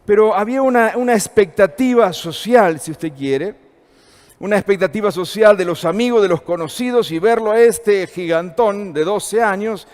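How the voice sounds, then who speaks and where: A man's voice: sits high, moderate pace, a little mellow, big-room sound. A man in his fifties with an Argentine accent, teaching a church seminar in a conversational way and asking the audience questions. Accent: Argentine Spanish.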